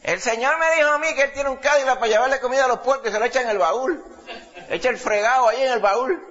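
A humble old churchgoer recounts a dream in a high, strained voice, played by a male preacher. The storytelling is lively and earnest. The recording sounds muffled and lo-fi. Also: normal speed. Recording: dull lo-fi recording.

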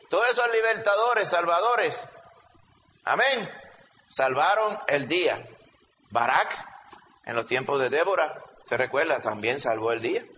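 A male pastor preaches a sermon in an emphatic, teaching style, frequently checking in with his congregation. His voice is a little high, bright and forceful. The recording has a reverberant hall sound, slightly dull, with a faint hum behind it.

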